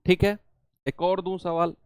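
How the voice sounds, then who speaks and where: A young male maths teacher with a smooth, clear voice that sits fairly high for a man. He talks slowly and patiently, putting questions to his students and answering them himself at each step. The sound is close and dry. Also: level tone, no room sound. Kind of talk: exam-prep maths lesson.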